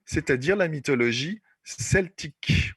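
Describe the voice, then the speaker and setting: A man's voice: fairly high pitch, lively intonation, measured pace, a bit bright, slight background noise. A man teaching an online class, explaining patiently and repeating points with many fillers. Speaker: French teacher.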